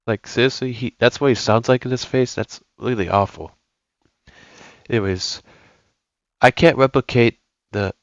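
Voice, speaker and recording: A young man talks through a music game in a loose, rambling way and often stops to correct himself. His voice sits a little low. The recording is dry and slightly dull. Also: no room sound. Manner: rambling, self-correcting, enthusiastic. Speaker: gaming YouTuber. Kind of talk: casual gameplay commentary.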